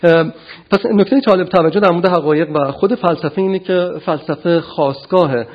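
A man lectures on philosophy in a measured, deliberate way, often pausing mid-sentence to search for the next word. His voice is slightly high for a man and has a husky edge. The recording sounds muffled and lo-fi. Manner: measured, frequent hesitations.

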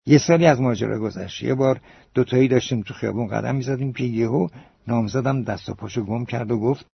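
A man's voice: mid-range voice, creaky, breathy edge, no echo. A male narrator voicing a boastful young man telling a tale to a café crowd, in an audiobook. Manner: grandiose, theatrical address. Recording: dull lo-fi recording.

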